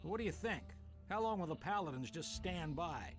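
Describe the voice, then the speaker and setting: Guy voicing a cranky farmer in a game, hokey country drawl, real high voice. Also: expressive, normal speed, over music, natural voice. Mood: agitated. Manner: exaggerated rural drawl. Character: grumbling middle-aged male farmer, suspicious. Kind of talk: video game voice acting.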